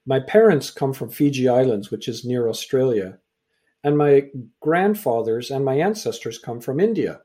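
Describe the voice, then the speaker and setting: A middle-aged author, born in England and raised in Canada, appears as an interview guest and tells his story conversationally, acting out the exchanges he quotes. His voice is medium-pitched and dark in tone, with lively intonation at normal speed.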